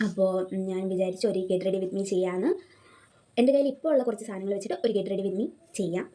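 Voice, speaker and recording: A young woman, her voice hoarse from a fever, chatting casually to viewers as she gets ready and talking to herself between steps. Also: medium pitch, fast, warm tone. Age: young adult. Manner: chatty, talks to herself while doing makeup. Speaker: beauty vlogger. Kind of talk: casual get-ready-with-me chat. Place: home by rice fields, crickets outside.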